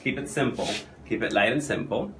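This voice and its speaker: A man's voice: mid-range voice, brisk, crowd noise. A man working as a makeup artist, chatting through an on-camera makeup demonstration and often asking questions. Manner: animated, chatty, asks the viewer questions.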